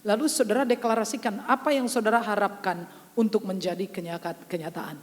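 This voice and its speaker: A middle-aged woman pastor, preaching a sermon and moving between soft asides and loud exhortations. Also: medium pitch, fairly even intonation, a little fast. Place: large church hall. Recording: live church hall with reverb and music behind.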